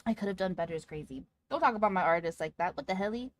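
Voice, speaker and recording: A woman livestreamer chatting casually with her audience in a cute, playful, excitable anime-streamer manner. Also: mid-range voice, racing. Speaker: livestreamer talking to chat.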